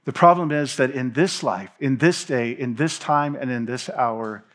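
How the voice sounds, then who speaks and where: A man's voice: mid-range voice, normal speed. 30s guy preaching on a church stage, headset mic, medium voice, talks with his hands. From Tennessee. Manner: preaching with hand gestures, animated pacing, reads scripture aloud. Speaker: pastor. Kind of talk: sermon.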